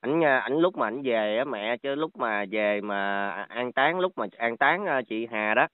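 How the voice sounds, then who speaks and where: Man, polite, hesitant, smooth voice, dry tinny phone sound. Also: mid-range voice, lively intonation, unhurried, no echo. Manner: polite, hesitant, many restarts. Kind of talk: casual phone chat.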